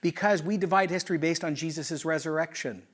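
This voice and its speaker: Man, pastor, middle-aged, sermon, lively asides, rhetorical questions, fairly high voice. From Canada. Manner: animated, conversational preaching with rhetorical questions and quick asides.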